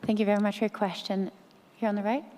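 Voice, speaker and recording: A woman moderating a conference panel, politely and briskly taking questions from the floor. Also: mid-range voice, little pitch movement, darkish tone, a little hiss or hum. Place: large conference hall. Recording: long hall reverb.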